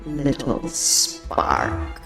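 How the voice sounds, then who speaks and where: A woman voicing an ancient divine being that grants power, speaking in a booming voice with heavy echo, solemn and grave. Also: very animated, very slow, gravelly, fairly bright tone, full character voice. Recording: echoey, with music behind.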